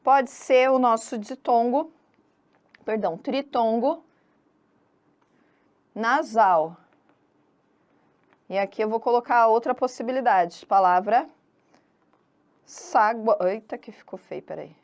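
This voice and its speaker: A woman's voice: on the high side, slow, long pauses, a little mellow. A woman from Brazil giving an online exam-prep grammar lesson in a chatty, teasing way, drawing out syllables to stress a point. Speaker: Portuguese teacher.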